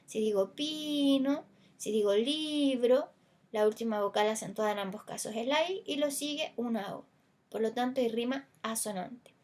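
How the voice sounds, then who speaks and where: A Chilean woman teaches a recorded language lesson, elongating stressed vowels as demonstrations and using small fillers as she reasons aloud. Her voice is fairly high and a little mellow.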